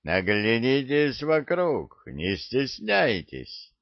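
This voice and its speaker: A man's voice: on the low side, lively intonation, slow pace, dry recording, muffled recording. A man voicing a tall, mocking male army drill sergeant who barks scornful orders at recruits in an audiobook. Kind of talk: audiobook character voice.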